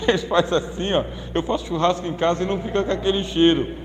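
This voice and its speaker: A man's voice: high-pitched, fairly even intonation, a little fast, a crowd in the background. A male pastor with a Brazilian Portuguese accent giving a humorous sermon-lecture, chatty and jokey, often throwing questions at his audience. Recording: echoey hall reverb.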